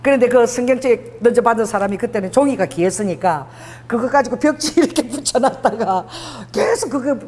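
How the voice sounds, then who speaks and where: A woman's voice: fairly high pitch, a little fast. Woman pastor w/ busan accent, preaching in a church hall, big swooping voice, long reverb. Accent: Busan dialect. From Busan, South Korea. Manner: animated storytelling, acts out dialogue, laughs often. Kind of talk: sermon. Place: church sanctuary.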